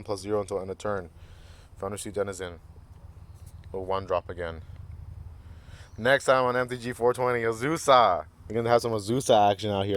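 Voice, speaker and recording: A man's voice: on the low side, clear, resonant tone. A man hosting a casual card game review, reading card text aloud and cracking goofy jokes. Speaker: card game channel host.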